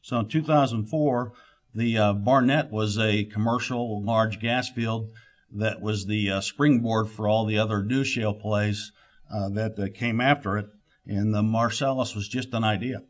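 A middle-aged man speaks at a conference podium into its microphone, with a slightly low voice. He is a geologist delivering a keynote, and he talks haltingly, full of "uh" fillers and restarted phrases. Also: steady tone.

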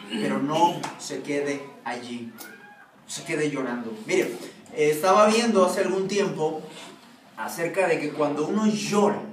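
A male pastor preaching a sermon, often asking his congregation questions. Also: fairly high pitch. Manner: asks the congregation frequent questions. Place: church hall. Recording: echoey room from far off, noisy.

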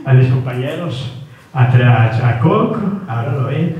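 A man's voice: medium pitch, a little slow, crowd noise. Rambling man telling a comic story on stage. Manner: rambling, repeats words often. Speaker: stage performer. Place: theater stage. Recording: echoey hall from far off, dull.

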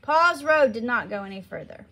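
A woman reads a children's novel aloud with expressive storytelling. Her voice sits high and bright, and her pitch moves a lot. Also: moderate pace, a little hiss or hum. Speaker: storybook reader.

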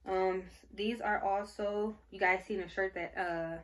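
A pregnant young woman chats casually to her camera. She gushes and rambles, filling pauses with fillers. Her voice sits at an ordinary pitch for a woman. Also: steady tone. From Michigan, United States. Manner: gushing, rambling, many fillers. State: pregnant, briefly out of breath. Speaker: vlogger. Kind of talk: casual baby haul show-and-tell.

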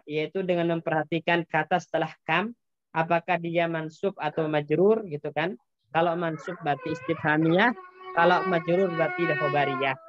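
A man's voice: fairly high pitch, lo-fi sound, background noise. A man teaching an Arabic grammar class, patiently explaining step by step and quizzing his students.

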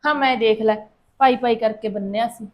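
A woman's voice: fairly high pitch, steady tone, brisk, natural voice. An actress playing a thrifty middle-aged mother-in-law who scolds in a lecturing way, with a Punjabi accent. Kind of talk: short-film acting.

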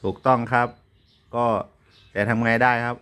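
A man talking politely and in a measured way in casual radio chat over a walkie-talkie. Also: mid-range voice, monotone, a bit bright, clear, resonant tone. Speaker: amateur radio operator.

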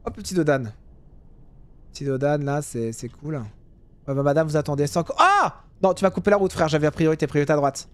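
A young man giving casual, jokey commentary while playing a driving game, now and then yelling at other drivers. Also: on the high side, quick pace, no echo. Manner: chatty, jokey, swings to loud yelling at drivers. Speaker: gaming youtuber.

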